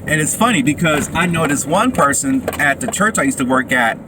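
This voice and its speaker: A man's voice: on the high side, animated, brisk. A man talking casually and encouragingly to his vlog audience while out running, in loose broken phrases. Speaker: vlogger. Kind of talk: casual motivational monologue to camera. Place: outdoors by a road. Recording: loud outdoor street and traffic noise.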